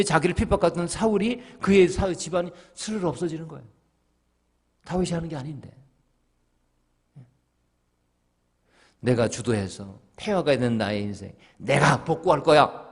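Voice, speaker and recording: A middle-aged man delivers a devotional sermon as a church pastor, posing rhetorical questions and answering them himself. He moves between raised, urgent lines and quiet, low ones. His mid-pitched voice carries a long reverb from the church hall. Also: husky. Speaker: senior pastor. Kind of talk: early-morning devotional sermon. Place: church sanctuary.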